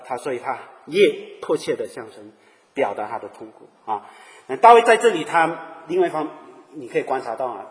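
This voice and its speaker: Animated male preacher in a reverberant hall. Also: medium pitch. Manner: animated, asks the listeners questions and acts out little quoted scenes. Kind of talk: sermon. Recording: long reverb of a large hall.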